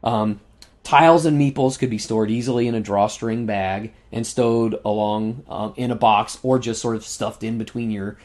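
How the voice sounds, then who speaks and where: A man with a lowish, darkish voice co-hosts a casual board game review podcast, speaking at a moderate pace with fairly even intonation. Enthusiastic and laughing often, he lists game facts with plenty of fillers and mentions that he's losing his voice.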